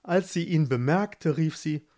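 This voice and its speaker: A man narrating a fairy tale in a playful, expressive way. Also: mid-range voice, slow pace. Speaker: storyteller.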